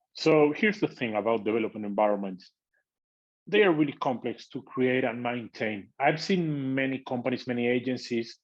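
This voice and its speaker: A man's voice: medium pitch, muffled recording. A man with an Argentine accent explaining technical work as an interview guest. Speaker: podcast guest, tech product manager.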